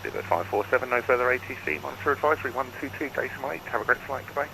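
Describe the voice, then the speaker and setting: A male air traffic controller races through procedural instructions over the radio in a creaky, medium-pitched voice. The audio is a radio transmission with faint noise.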